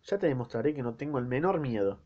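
A man's voice: medium pitch, lively intonation, quick pace, muffled recording, lightly acted. A man reading the lines of an angry wife who is fed up with her husband, in a reproachful, indignant tone.

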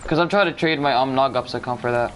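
A man's voice: medium pitch, quick pace, music in the background. A young man chatting over a headset during an online game, teasing and swearing. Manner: profane, teasing. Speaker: gamer in voice chat. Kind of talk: casual gaming chat. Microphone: headset over online voice chat.

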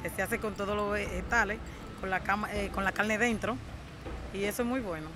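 A woman's voice: medium pitch, fairly even intonation, a little fast, music in the background. A young woman from the Dominican Republic answering interview questions earnestly, firm about who she is.

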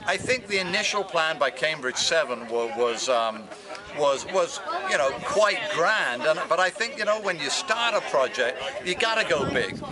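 This man in his fifties heads an ocean research group and speaks earnestly and enthusiastically in an outdoor interview beside a brick building and a truck. His slightly high, animated voice moves at a moderate pace, and he often restarts his sentences. Street noise and a crowd's voices fill the background.

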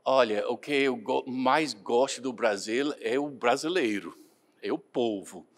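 Irish-born missionary priest, second-language Portuguese speaker, calm anecdotal interview answers. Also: male voice, medium pitch, unhurried. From Ireland.

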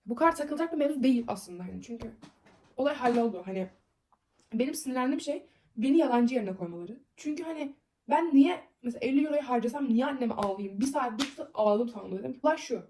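A woman's voice: fairly high pitch, expressive, quick pace, dark tone, a little hiss or hum. A young woman telling a long personal story in a casual vlog, rambling with many fillers and sounding upset as she vents.

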